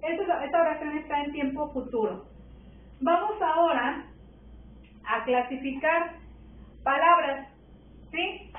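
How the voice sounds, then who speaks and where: A woman's voice: high-pitched, slow pace, pauses often, slight background noise. A woman with a Mexican accent teaching a primary school grammar lesson, patiently checking in with her pupils. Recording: tinny distant echoey room.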